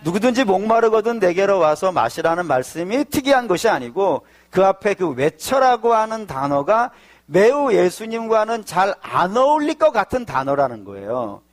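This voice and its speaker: A male pastor giving a sermon, explaining patiently, asking and answering his own questions, with sudden loud emphatic bursts. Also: high-pitched, sing-song, normal speed.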